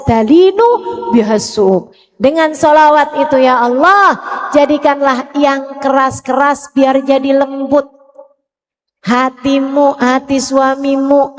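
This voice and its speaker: Slow-talking woman preacher in a hall. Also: high voice, fairly even intonation. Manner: models prayers aloud, asks the audience questions. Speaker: Islamic preacher. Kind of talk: religious lecture to women.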